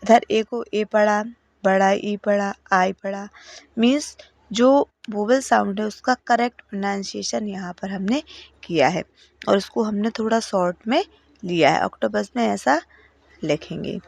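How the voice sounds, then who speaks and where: A woman teaching English phonics at home, patiently calling out word lists and stressing each word loudly. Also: medium pitch, measured pace, gravelly, no room sound.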